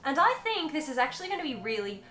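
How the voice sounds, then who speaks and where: A woman's voice: high voice, quick pace, roomy sound, soft background music. A young woman chatting casually as she tastes and rates cheap convenience store food in a hotel room. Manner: chatty and animated, tasting and commenting on food. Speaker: food vlogger.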